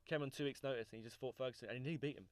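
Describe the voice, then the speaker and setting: A man's voice: mid-range voice, very fast, no room sound. A young man hosting a casual podcast chat, chatty and often laughing. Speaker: podcast host.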